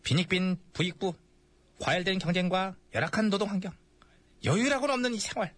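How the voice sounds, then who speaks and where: A man's voice: sits high, expressive, fairly quick, a bit bright. A man playing a bossy, pompous king. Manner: grandly commanding, then scolding and teasing. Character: pompous bossy male king, middle-aged. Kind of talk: satirical radio comedy sketch.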